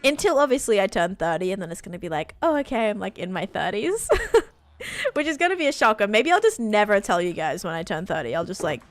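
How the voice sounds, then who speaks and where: Woman, late twenties, casual streamer chat, lots of fillers, mid-pitched voice. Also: very animated, fairly quick, dry recording, soft background music. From Australia. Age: late 20s. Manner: rambling, chatty, full of fillers. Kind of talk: casual chat while gaming.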